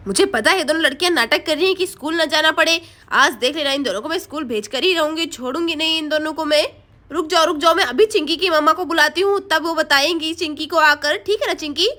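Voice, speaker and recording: A woman voicing a stern mother who shouts and scolds her sleeping daughters. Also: high-pitched, brisk.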